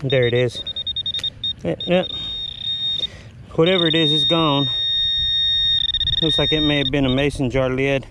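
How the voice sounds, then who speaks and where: A man's voice: a little high, steady tone, unhurried, long pauses, heavy background noise. A man narrating his metal detecting hunt outdoors, breathing hard and rambling with filler words. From Texas. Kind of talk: casual narration while digging. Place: outdoors in a humid field.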